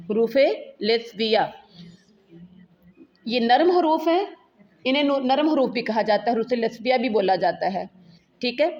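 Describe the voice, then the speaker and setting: A woman's voice: on the high side, a little mellow. A woman with a Pakistani Urdu accent, a Quran recitation teacher, patiently explaining letters step by step and drawing each sound out for students to copy. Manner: repeats Arabic letters slowly for students to copy. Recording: dull lo-fi sound.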